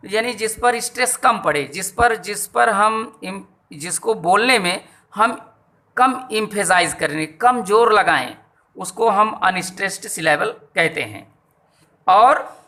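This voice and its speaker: Man, teacher, slow and repetitive, high voice. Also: pushed and bright. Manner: slow, repetitive explaining to students. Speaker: English teacher. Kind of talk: classroom lesson on poetry meter.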